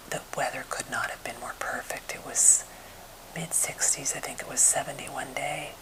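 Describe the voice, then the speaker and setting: An American woman whispering softly and breathily in a gentle, unhurried ASMR chat, as for a finger-tapping video. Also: rumbling low, rough recording. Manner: gentle, unhurried rambling storytelling. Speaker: ASMR creator showing wooden objects.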